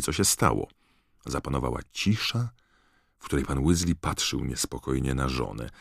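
A man reading a story aloud as an audiobook narrator, expressive and scripted. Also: a bass voice, creaky, dry recording, clean studio sound.

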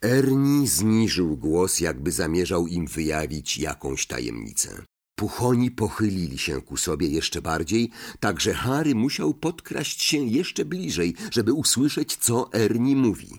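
A man's voice: low voice, big pitch swings, unhurried. A man reading a novel aloud as an audiobook narrator, telling the story expressively.

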